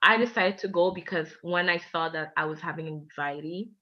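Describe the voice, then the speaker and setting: A woman in her twenties from Canada, telling a candid personal story as a guest, chatty and animated, acting out the dialogue. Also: lowish voice, normal speed, dull audio. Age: 20s.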